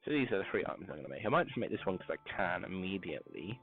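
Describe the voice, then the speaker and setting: A low, gravelly male voice muffled as if through a wall, coming over a thin, phone-like mic. He talks softly and mumbles through his game, grainy when he keeps his voice down. Faint music plays underneath. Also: sing-song, racing. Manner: talks softly, mumbling to himself while crafting. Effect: muffled, as if talking through a wall. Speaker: game streamer. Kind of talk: casual live-stream gameplay commentary.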